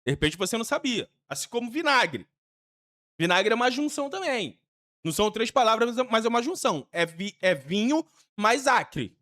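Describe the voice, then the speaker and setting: A woman's voice: a little high, sing-song, normal speed, fairly bright tone. A woman with a Brazilian Portuguese accent gives an exam-prep grammar lesson. She is emphatic and repetitive and uses casual slang. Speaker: teacher.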